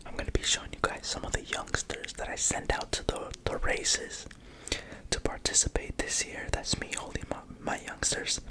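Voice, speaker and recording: A person whispering an ASMR narration in a hushed, secretive way, like a hobbyist presenting prized animals. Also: moderate pace, rough recording. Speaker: racing pigeon keeper presenting own birds.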